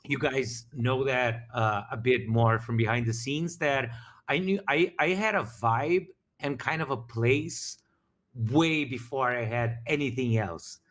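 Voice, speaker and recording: A man's voice: medium pitch, measured pace, fairly bright tone. A man talking casually as a game master, rambling with frequent restarts while reflecting on his campaign. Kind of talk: casual after-show chat.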